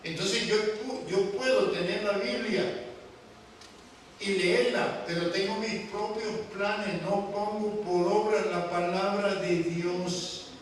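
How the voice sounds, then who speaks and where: A man preaching a sermon at a slow, deliberate pace, his voice a little high for a man. He presses his points with rhetorical questions to the congregation. He is picked up from a distance in a very echoey church hall, with faint background noise. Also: steady tone.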